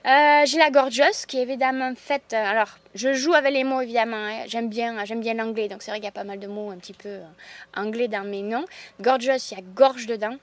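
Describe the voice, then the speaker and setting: A woman's voice: on the high side, steady tone, brisk. A woman with a southwest French accent from the Landes, an herbalist chatting enthusiastically in an interview and laughing often. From Landes, southwest France. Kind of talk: casual interview chat.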